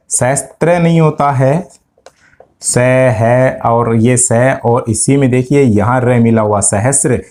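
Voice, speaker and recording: Male teacher, mellow voice, exam-prep lesson, quizzes students as he explains. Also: mid-range voice. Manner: explains step by step, asks students questions; addresses students directly. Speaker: Hindi grammar teacher.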